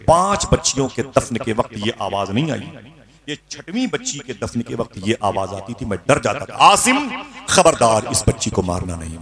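A male Islamic preacher telling an emotional story as a sermon, in an impassioned, rhythmic declamation with pious exclamations. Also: fairly low pitch.

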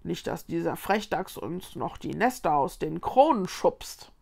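A cranky, centuries-old rowan tree woman who grumbles and huffs, as a woman reading a storybook puts her on. The voice is slow and gravelly. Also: fairly low pitch, very animated, dark tone, voice pushed down, exaggerated voice. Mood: grumbling. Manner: grumbling and indignant.

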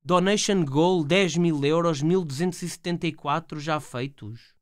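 A young Portuguese man hosts his live stream with a high, bright voice, loud and quick to swear as he reacts to clips. His European Portuguese accent is plain. He speaks close to the mic in a dry, dead room with no echo. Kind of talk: casual live-stream chat.

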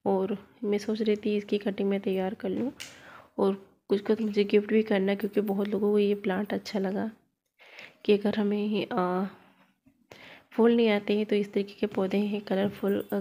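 This husky, warm mid-range voice has a flat delivery at a moderate pace. A woman vlogs while planting cuttings at home, phone in one hand, chatting to her viewers as friends during a laid-back gardening walkthrough.

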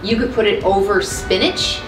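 A woman's voice: mid-range voice, moderate pace. A woman in her thirties chatting upbeat and giggly as she demonstrates recipes in a small RV kitchen. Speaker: cooking vlog host. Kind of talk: casual cooking demonstration. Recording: roomy with background music.

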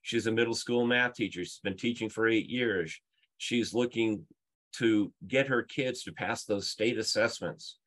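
On a rough recording, a middle-aged man with a lowish, fairly bright voice presents a little slowly over a video call. A UX leader and conference speaker, he sits in a book-lined room at home, explaining emphatically via stories and rhetorical questions.

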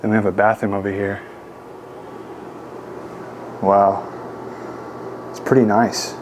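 A young man casually narrating a walkthrough of an empty mansion, talking to his viewers with excitement. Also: fairly low pitch, slow pace, a little hiss or hum. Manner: excited, addresses viewers as guys. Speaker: urban explorer vlogger. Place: large empty mansion indoors.

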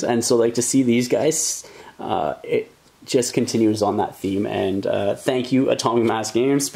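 A man's voice: medium pitch, dark tone. A man, a hobby channel host, unboxing and chatting casually with rambling enthusiasm and plenty of filler words. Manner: rambling, enthusiastic, many ums and likes.

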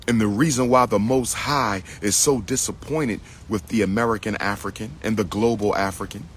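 A middle-aged man lectures his followers in an impassioned selfie video, phone held out at arm's length in a park outdoors. He speaks on the low side at normal speed with a steady tone, being preachy, emphatic and repetitive as he builds to declamation, with a little hiss or hum in the audio.

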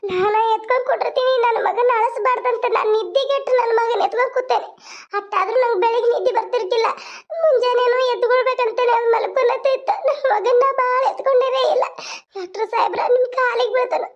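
A frantic young village mother in a cartoon serial, begging through sobs with a North Karnataka lilt. Her voice is piercingly high and rushes along. The sound is thin and phone-like. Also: steady tone. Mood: sobbing. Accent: North Karnataka Kannada. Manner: sobbing, begging.

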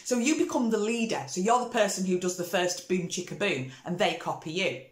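A woman's voice: medium pitch, fairly quick. A woman teaching a music lesson for children in an upbeat, encouraging way. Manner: upbeat, encouraging, call-and-response. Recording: roomy echo.

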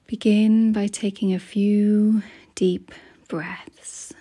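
Her meditation delivery is slow and calming, with generous pauses between phrases. The voice is soft and breathy, at times little more than a whisper, and it holds a steady middle pitch that makes the flow feel even and gentle.

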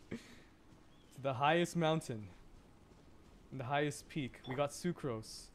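A young man with a fairly high voice takes his time while casually chatting on a gaming livestream. He's playful and meandering, laughing often, and there's slight background noise.

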